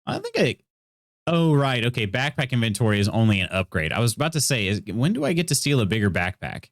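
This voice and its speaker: A man's voice: mid-range voice, big pitch swings, fast talker, no room sound, clean studio sound. A man with a Midwest American accent tinged with Southern, chatting casually as he streams a game, rambling and joking as he reads out comments. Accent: American Midwest with some Southern. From Indiana, US Midwest. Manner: jokey, rambling, reading viewer comments aloud. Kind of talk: casual live gameplay chat.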